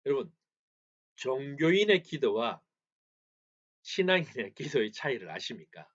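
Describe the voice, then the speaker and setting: A man's voice: medium pitch, big pitch swings, a little slow, a bit bright. A male pastor preaching a sermon in church, asking the congregation questions, answering them himself and repeating phrases for emphasis. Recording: slightly dull lo-fi recording.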